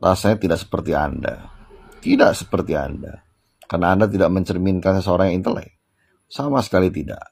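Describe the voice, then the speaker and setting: A man's voice: sits low, brisk, gravelly, a little mellow, slightly rough. A man giving satirical commentary in a mocking, teasing way. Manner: mocking baby talk, singsong teasing.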